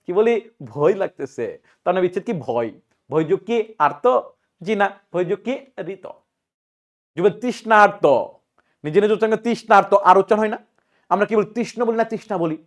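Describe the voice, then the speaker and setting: High-voiced man drilling grammar questions. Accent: Bangladeshi Bengali. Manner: drilling with repeated questions and answers; brisk, colloquial teaching. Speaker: teacher. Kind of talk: exam-prep grammar lesson.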